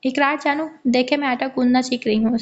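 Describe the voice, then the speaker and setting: A woman's voice: sits high, steady tone, brisk, muffled recording, natural voice. Eager playful young wife, voiced by a woman. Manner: eager, coaxing.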